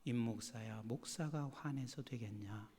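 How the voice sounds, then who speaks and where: A male pastor voicing the Holy Spirit as a low, quiet, scolding inner voice in his sermon. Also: a little slow, slightly rough. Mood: admonishing. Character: gently scolding divine inner voice. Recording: long church hall reverb.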